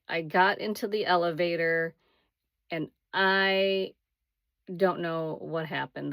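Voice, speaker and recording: Low-voiced woman telling a dramatic story. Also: a bit bright, no echo. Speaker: vlogger. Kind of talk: casual first-person storytelling.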